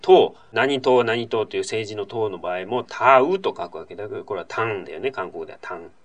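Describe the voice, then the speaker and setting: A male host in relaxed conversation, with a voice that rises and falls freely. He explains at length in a chatty style, dropping in asides and tag questions, and sounds like a regular presenter answering mail. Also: lowish voice, a little fast. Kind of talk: casual radio-style talk answering a listener letter.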